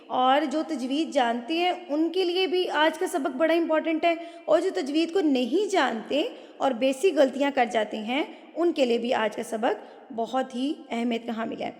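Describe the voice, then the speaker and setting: A woman's voice: high-pitched, darkish tone, in a large hall. A woman teaching Quran recitation. She explains pronunciation patiently, step by step, and mixes English words into her talk. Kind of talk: tajweed lesson, explaining pronunciation.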